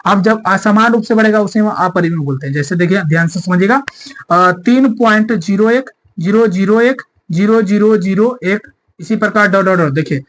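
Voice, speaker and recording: A man's voice: sits high, moderate pace. A male maths teacher explaining a lesson step by step, asking the class rhetorical questions and repeating key points. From India.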